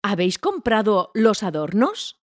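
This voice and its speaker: A woman reads a scripted practice dialogue at a mid pitch. Her questions rise and fall with plenty of melody, and her reading is clear and attentive. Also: sing-song, a little slow. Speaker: dialogue reader. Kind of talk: scripted language-learning dialogue.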